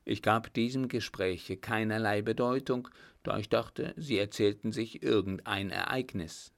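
Man doing a brave young captain, earnest, low unhurried voice. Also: vocal fry.

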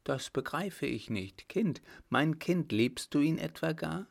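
A man's voice: fairly high pitch, animated, slow, creaky, voice pushed up, heavily acted. A man reading an audiobook, voicing a distraught, lamenting middle-aged mother. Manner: lamenting, pleading. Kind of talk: audiobook character voice.

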